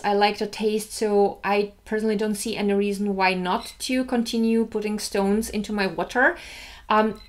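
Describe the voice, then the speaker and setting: Chatty woman vlogger, candid and easygoing. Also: medium pitch. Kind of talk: casual vlog talk.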